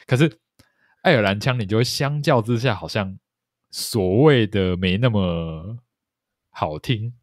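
Low-voiced man, hedging thoughtfully. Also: a little slow, pauses often, no echo, clean studio sound. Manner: thoughtful, hedging, self-correcting. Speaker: podcast co-host. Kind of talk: casual chat about a TV series.

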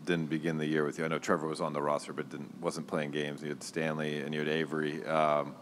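Man reporter, very low voice, methodical multi-part questioning, faint noise. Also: flat delivery, fast. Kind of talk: press conference question.

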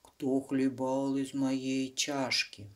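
A woman voicing a big, menacing father bear who growls slowly and angrily in a children's fairy tale. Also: rumbling low, little pitch movement, heavily acted. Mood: angry. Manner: slow, drawn-out growling.

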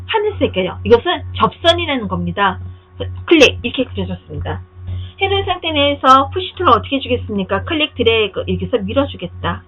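Husky-voiced woman teaching software, tinny sound. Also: fairly high pitch. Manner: step-by-step, asks rhetorical questions. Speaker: software instructor. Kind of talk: screen-recorded software tutorial.

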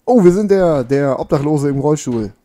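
A man's voice: on the high side, lively intonation, moderate pace, dark tone. A man giving casual, joking commentary while he plays a video game at home on a makeshift mic, scolding his character now and then. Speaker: let's play gamer. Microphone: makeshift home mic setup.

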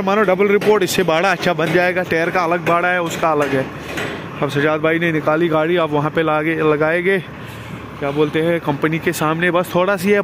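A tired truck driver in his twenties vlogs casually in a loading yard outdoors, explaining his work while holding his phone camera. His voice is fairly high-pitched, and background noise can be heard.

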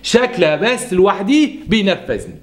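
A man voicing a resentful young wife with an Egyptian accent, sharp and dismissive. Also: high voice, sing-song, moderate pace. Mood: cold, scornful. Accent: Egyptian Arabic. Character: resentful young wife refusing her mother-in-law.

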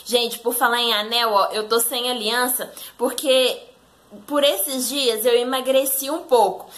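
A woman's voice: high-pitched, bright, forceful tone. A woman with a Brazilian Portuguese accent giving etiquette advice in a chatty vlog, often turning to address her viewers directly. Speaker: etiquette vlogger. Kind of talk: casual advice talk to viewers.

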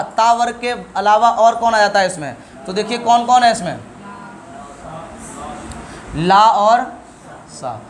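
A man's voice: high-pitched, a bit bright, a little hiss or hum. A middle-aged male teacher giving a classroom lesson, asking questions and answering them himself while drilling sounds.

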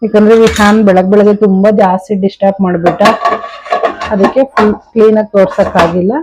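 A woman's voice: mid-range voice, fairly even intonation, a little fast, heavy background noise. A young woman, chatting casually to her viewers while doing chores and cooking in her home kitchen. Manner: chatty, talks straight to viewers. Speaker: vlogger. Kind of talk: casual home vlog narration.

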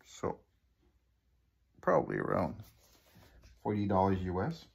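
The recording has its highs cut off and a little hiss or hum, capturing a deep, gravelly, sing-song voice in no hurry. The speaker, a native French speaker from Quebec with a Québécois accent, is a hobby vlogger doing a casual unboxing on a phone over a living-room table, full of fillers and restarts.

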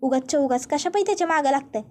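A woman voicing a loud, scolding middle-aged mother within a TV serial recap. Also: sits high, rapid-fire, lightly acted. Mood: ranting.

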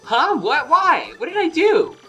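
A man voicing a meek, flustered young male creature in a high, protesting voice. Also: huge pitch swings, unhurried, bright, forceful tone, soft background music, exaggerated voice, rough recording.

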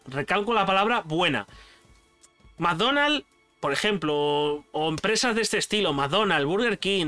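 A young man from Spain with a Spanish accent, chatting casually and animatedly while ranking foods for his channel, full of slang. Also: high voice. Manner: animated, slangy, addresses viewer as "tío". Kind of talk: casual chat, food tier list.

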